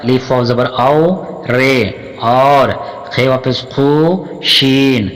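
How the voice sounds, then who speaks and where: A man with a Pakistani accent teaches Urdu reading, sounding out each word letter by letter at a very slow pace. He stretches the syllables and repeats each word. His voice sits at a middling pitch and carries a long reverb, as if in a hall. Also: flat delivery, fairly bright tone. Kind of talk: spelling out words letter by letter.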